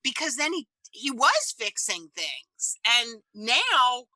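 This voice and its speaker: Bright-voiced laughing woman. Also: on the high side, slow, no echo, poor audio. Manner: lively storytelling, laughs often. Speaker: interview guest, full-time boat liver. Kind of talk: casual interview chat.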